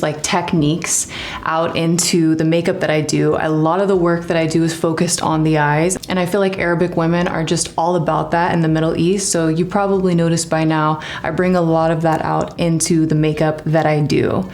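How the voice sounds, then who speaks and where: A woman makeup artist narrating a tutorial in a calm, instructive way, with playful teasing. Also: on the low side.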